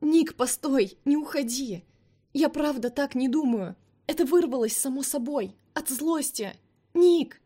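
A woman voicing a hot-tempered young vampire woman in an audiobook, pitched up and emotional. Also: moderate pace, a little mellow, lightly acted. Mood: pleading. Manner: raised, emotional pleading.

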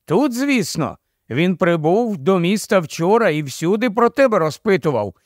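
A man's voice: high-pitched, big pitch swings, normal speed, no echo, studio quality, pitched above the performer's own voice. A man doing a gushing, vain young noblewoman. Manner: gushing, loud, fussy.

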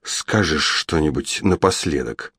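A man voicing a sinister scheming witch, speaking slowly and coldly in an audiobook reading. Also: extremely low pitch, expressive, pushed and bright, breathy edge, no echo, studio quality, heavily acted. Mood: menacing. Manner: slow, cold, menacing.

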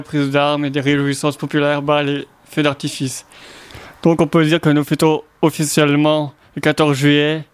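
A man hosting an informal radio show in a halting way, speaking through a face mask. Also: fairly high pitch, clear, resonant tone, no echo. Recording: loud music behind the voice. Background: loud music.

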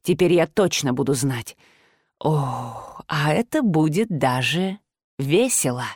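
A woman voicing a soft-spoken, menacing male master who can change his shape, in a storybook reading. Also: deep voice, animated, breathy edge, no room sound, clean studio sound, pitched below the performer's own voice, full character voice. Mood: cold. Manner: quiet, insinuating, slow.

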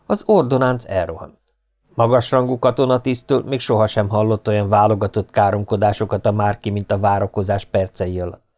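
A man narrating an audiobook in a measured storytelling manner. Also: lowish voice, fairly even intonation, a little mellow. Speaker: audiobook reader. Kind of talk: scripted narration.

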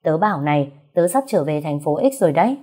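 A woman's voice: low voice, lively intonation, fast talker, warm tone. A woman voicing a bubbly, pampered young rich woman who talks chirpily and sweetly.

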